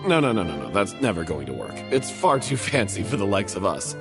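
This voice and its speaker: A man's voice: low-pitched, big pitch swings, a little fast. A man acting an anxious, naysaying wet blanket from a stage troupe in game dialogue. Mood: flustered, discouraging. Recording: loud music behind the voice.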